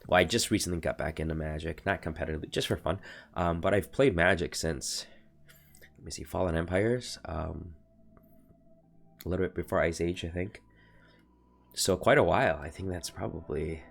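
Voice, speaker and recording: An American man in his thirties, stuffy from allergies, speaks in a low voice at a moderate pace with vocal fry and frequent pauses. He's a streamer at his home desk room rambling through a casual review of card game accessories, full of fillers and self-corrections, with faint music behind him.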